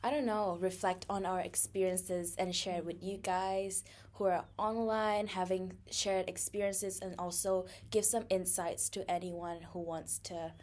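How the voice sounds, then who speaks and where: A woman's voice: on the low side, level tone, a little slow, hardly any pauses, darkish tone. A young woman from Thailand co-hosting a casual podcast, chatty and laughing often, with many fillers. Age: young adult. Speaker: podcast co-host.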